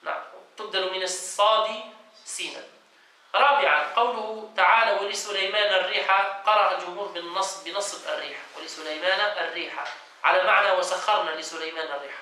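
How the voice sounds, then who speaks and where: High, bright-voiced sheikh teaching in an echoey hall. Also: male voice, fast talker, recorded from a distance. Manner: reads a passage, then explains it and quizzes students. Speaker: sheikh teaching Quran exegesis. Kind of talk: classroom lesson, reading and explaining. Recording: echoey room, voice from off-mic, faint noise.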